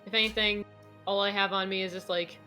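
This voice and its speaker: A woman's voice: mid-range voice, level tone, brisk, sharp tone, soft background music. A woman chatting casually as a player in a tabletop game, informal and joking.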